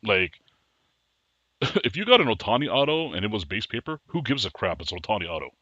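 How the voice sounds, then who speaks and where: A man co-hosting a casual chat show, chatty and quick to laugh. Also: fairly low pitch, dry recording. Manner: laughs often, chatty and animated. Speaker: podcast co-host. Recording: dull lo-fi sound.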